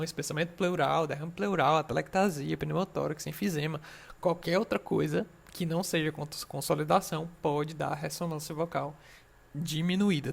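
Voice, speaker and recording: Man, Brazilian accent, young adult, medical lecturer, fairly high voice, gravelly, reassuring. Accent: Brazilian Portuguese. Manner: explanatory, reassuring, frequent check-ins with students.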